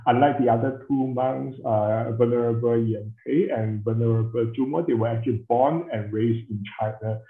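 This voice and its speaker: Measured scholar man on a tinny line. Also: medium pitch. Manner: measured, hesitant, full of fillers and hedges. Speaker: interviewed scholar. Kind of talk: academic interview answers. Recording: tinny, echoey call audio.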